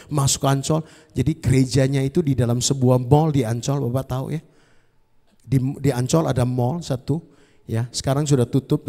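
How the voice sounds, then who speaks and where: A man's voice: on the high side, vocal fry, darkish tone. A man preaching a sermon, telling a story and turning often to the congregation with asides. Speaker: pastor. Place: large church auditorium. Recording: long hall reverb.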